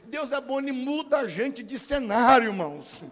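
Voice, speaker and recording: A Brazilian man preaching a sermon as pastor, animated and humorous, acting out the prayers of churchgoers. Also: extremely high pitch, moderate pace. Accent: Brazilian Portuguese. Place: church hall. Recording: long church-hall reverb.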